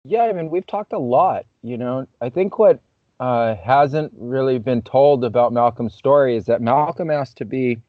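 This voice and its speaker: On a podcast, a male guest with a mid-range voice shares a story in a relaxed, reflective manner, frequently saying "you know." The recording is dry, a bit muffled, and dull-sounding.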